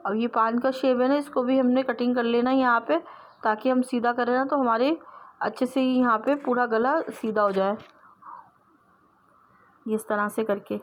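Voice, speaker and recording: A woman's voice: on the high side, fairly even intonation, normal speed, long pauses. A woman teaching sewing step by step, explaining patiently and repeating herself as she works with her hands.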